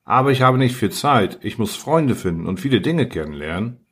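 A man voicing a small, gentle, sad boy prince in an audiobook reading, plaintive and questioning, slightly husky. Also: mid-range voice, expressive, moderate pace, voice pushed up.

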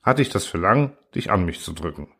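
A man voicing a huge, gentle old male alien in a storybook reading, speaking slowly and sorrowfully. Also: deep voice, animated, slightly rough, pitched below the performer's own voice, full character voice. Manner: sad, slow and brooding. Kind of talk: audiobook character voice.

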